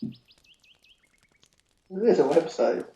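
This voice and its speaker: A man's voice: slow, mellow. A man making dry, wry remarks in a casual podcast chat. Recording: dull echoey sound.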